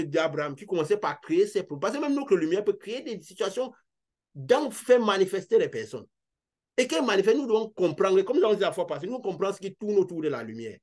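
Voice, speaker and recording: A man's voice: sits high, darkish tone. A man preaching a sermon in an earnest, repetitive way, swinging his emphasis up and down.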